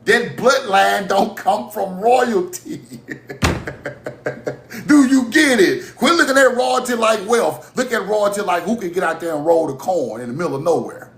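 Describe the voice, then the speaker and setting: On a livestream, a Mississippi host rants and swears, laughing at his own points as his high, gravelly voice climbs. Despite the heat of the monologue he keeps a measured pace, and the sound bounces around an echoey room.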